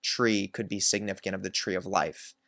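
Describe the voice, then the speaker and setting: A man's voice: deep voice, fairly even intonation, brisk, creaky, bright, forceful tone, no room sound, clean studio sound. A man hosting his own channel, candidly telling a personal story in a reflective way, with many filler words. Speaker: self-help channel host.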